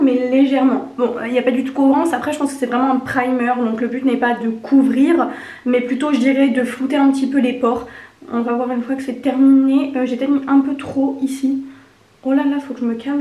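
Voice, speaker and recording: A young woman talks in a high-pitched voice with a honking, congested edge from a lingering cold. She rambles informally as a beauty vlogger reviewing makeup. The room around her sounds noticeably echoey. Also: a little mellow. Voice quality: slightly honking, congested duck-like voice. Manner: chatty, rambling, informal slang. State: getting over a cold. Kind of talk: casual chatty makeup review.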